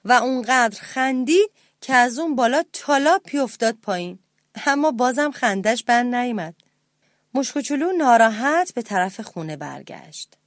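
A woman with a fairly high voice tells a children's story, gentle and clear. She speaks directly to the young listeners. The sound is dry and close. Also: no room sound.

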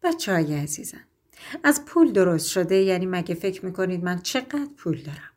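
A woman's voice: lowish voice, sing-song, a little mellow, voice pushed down. Woman voicing a patient mother bear. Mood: calm. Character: calm gentle mother bear.

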